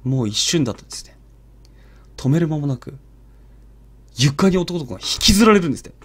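A man narrating a ghost story in a hushed, dramatic storytelling manner. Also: fairly high pitch, big pitch swings, quick pace, slightly rough. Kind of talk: live ghost story telling.

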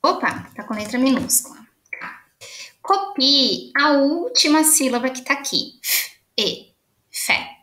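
A woman's voice: high voice, lively intonation, slow, long pauses, pushed and bright, roomy sound. A Brazilian woman teaching young children in an online literacy lesson, patiently stretching out words as she marks them. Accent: Brazilian Portuguese.

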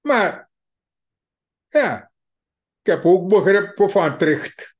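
A man with a high-pitched, very animated voice and a Surinamese Dutch accent delivers an opinion monologue on politics. He speaks slowly and emphatically in a mocking tone, addressing his viewers as dear friends.

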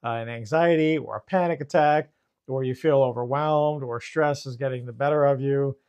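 Guy therapist, mid-pitch voice, explains stuff clinical but swears casually. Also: moderate pace, darkish tone, lo-fi sound. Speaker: therapist, podcast co-host. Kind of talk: casual chat.

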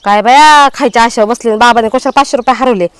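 A woman playing a nagging wife in a comedy skit, scolding loudly. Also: a little high, fast talker, clear, resonant tone. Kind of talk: village comedy skit acting.

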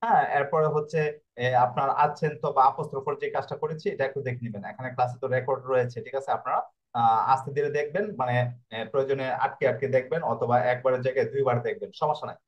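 A man's voice: medium pitch, fairly even intonation, racing, lo-fi sound. A man teaching Italian pronunciation in an online class. He explains in a repetitive way and keeps checking with his students.

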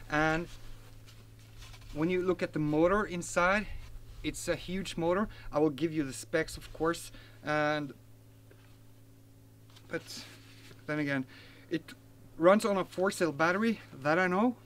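A Norwegian-native RC hobby reviewer in his forties unboxes and reviews a model plane outdoors in a garden, chatting casually with lots of fillers and self-corrections. His voice is fairly high and fairly bright, a little slow, with long pauses.

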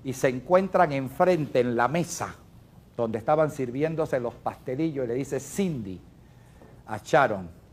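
A man's voice: medium pitch, animated, measured pace. A man telling a joke, laughing as he tells it. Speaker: joke teller. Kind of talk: telling jokes.

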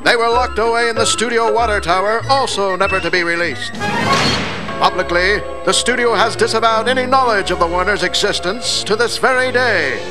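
A man's voice: sits high, moderate pace, natural voice, rough recording. A man voicing an old-time newsreel announcer in a cartoon, narrating with a punchy, dramatic delivery over music.

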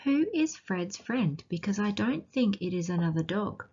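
A woman with an Australian accent reading a picture book aloud to children and asking them gentle, teacherly questions along the way. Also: mid-range voice, sing-song, moderate pace, breathy edge, lo-fi sound. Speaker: children's storytime reader.

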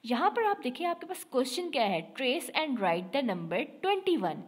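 Slow patient woman teacher, lively pitch. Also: slightly rough. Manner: slow and patient, repeating and checking with "ठीक है"; mixes English with Urdu-Hindi. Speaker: class teacher. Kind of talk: online class lesson for young students.

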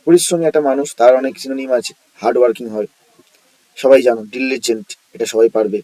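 Male tutor, warm dark tone, dry room, drills vocabulary one word at a time. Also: medium pitch, steady tone, fast, no echo, low-quality recording. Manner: explains word by word, repeats words, asks and answers his own questions. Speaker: vocabulary teacher. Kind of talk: exam-prep vocabulary lesson.

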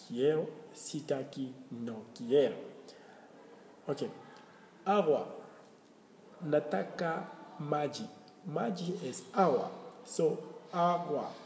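A man teaching a slow language lesson, repeating and spelling out words letter by letter. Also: medium pitch, mellow, slight background noise. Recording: roomy echo with faint ambience.

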